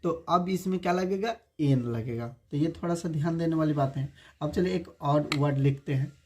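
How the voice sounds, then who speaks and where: A male teacher giving an online spoken-English lesson, spelling words out slowly letter by letter and quizzing viewers with repeated rhetorical questions. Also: fairly high pitch, a little mellow.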